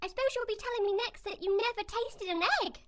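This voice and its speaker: A woman's voice: extremely high pitch, quick pace. A woman voicing an indignant, suspicious pigeon, scolding and accusing in an audio drama.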